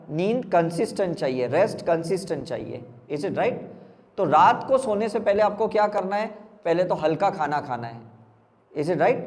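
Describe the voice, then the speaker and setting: A man from India, a spiritual healer, gives a motivational talk to a live audience in a slightly high voice with a long reverb tail. He is emphatic and keeps quizzing the crowd with rhetorical questions.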